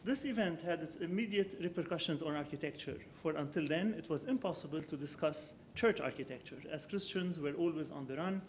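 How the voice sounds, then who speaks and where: An architecture professor with a somewhat high voice delivers an academic lecture at a measured, unhurried pace. He thinks aloud, filling pauses with ums and correcting himself mid-sentence. A faint low rumble runs beneath the recording.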